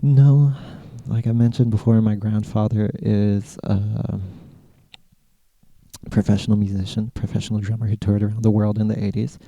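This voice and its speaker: A laid-back American man answers listener questions on his podcast. His voice is low and gravelly, with a dark, mellow tone. The sound is close and dry. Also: flat delivery, moderate pace, no echo, highs cut off. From California, USA. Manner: laid-back, rambling, with many "like" fillers. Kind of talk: casual Q&A chat.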